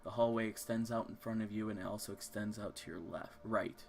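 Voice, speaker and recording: A man narrating a tabletop game as game master, setting scenes slowly and descriptively. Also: fairly low pitch, fairly even intonation, vocal fry, slight background noise.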